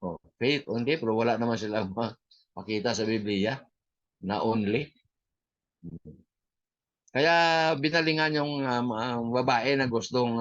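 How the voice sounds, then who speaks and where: A man's voice: medium pitch, muffled recording. Filipino man teaching a church class. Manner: unhurried teaching with many fillers, mixing English phrases into Tagalog. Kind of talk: church history lesson.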